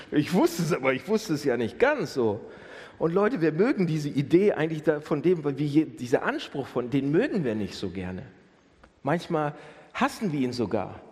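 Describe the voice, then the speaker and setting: A man preaching a sermon, asking rhetorical questions, repeating phrases and rising to near-shouts at his strongest points. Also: medium pitch. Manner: animated, rising to near-shouts when voicing Jesus. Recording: long hall reverb.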